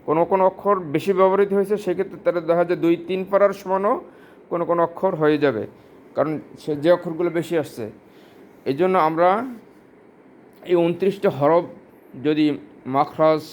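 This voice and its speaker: A man's voice: fairly high pitch, a little mellow, slight background noise. A man from Bangladesh, teaching Quran pronunciation and asking questions he then answers himself. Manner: explains slowly with rhetorical questions, drawn-out Arabic examples. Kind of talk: religious lesson on Quran pronunciation.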